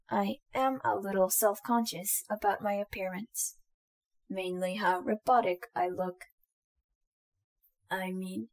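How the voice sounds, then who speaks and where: A woman with a mid-range voice plays an affectionate, shy young female companion droid in a roleplay audio drama, speaking softly and sweetly to the listener with a self-conscious, touched mood.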